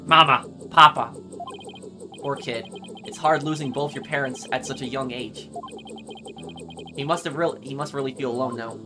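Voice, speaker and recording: A man playing a story game, making casual, quiet asides between read-out lines, with faint game music behind. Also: mid-range voice, fairly even intonation, normal speed, pauses often. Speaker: gaming YouTuber. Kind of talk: game playthrough commentary and reading.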